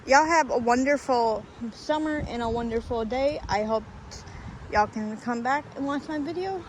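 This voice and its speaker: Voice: high voice, moderate pace, poor audio. Breathless vlogger outdoors. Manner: rambling, apologetic, restarts mid-sentence. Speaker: paranormal vlogger. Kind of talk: casual vlog talk to viewers. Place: outdoors in a hilly, windy graveyard. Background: faint wind noise.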